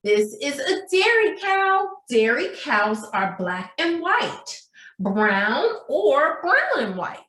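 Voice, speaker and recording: With big pitch swings and a slow pace, a preschool teacher's high, fairly bright voice carries a sing-song read-aloud and craft lesson. She asks the young children questions, all in a roomy, echoing indoor space.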